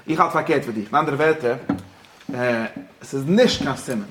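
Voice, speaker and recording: A man teaching a religious-philosophy lesson, talking rapidly and repeating himself, dropping English phrases into his explanations. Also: medium pitch, a bit bright, a little hiss or hum. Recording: echoey room.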